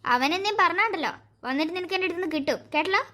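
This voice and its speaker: A cartoon mother snaps out quick warnings to her kids, as a voice actor plays her. Her voice is very high and her tone brisk and scolding. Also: animated, bright, forceful tone, exaggerated voice. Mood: stern. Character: stern mother of small children. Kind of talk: animated cartoon voice acting.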